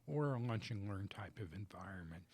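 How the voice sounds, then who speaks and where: Man, lowish voice, husky, measured, lists points one by one, radio studio guest. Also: lively intonation, a little mellow. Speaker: business coach guest. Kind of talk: radio interview answers.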